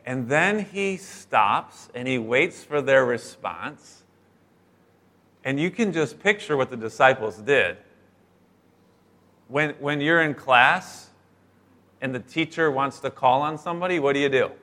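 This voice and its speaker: A middle-aged man preaching a sermon, telling stories in a lively way and acting out the voices of the people in them. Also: medium pitch, slow, pauses often. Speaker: pastor.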